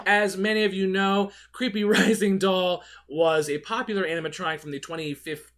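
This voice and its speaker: A man hosting a video show, giving gushing, excitable product commentary. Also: sits high, a little fast. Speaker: host of a Halloween animatronic video show. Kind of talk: enthusiastic product commentary with read-out descriptions.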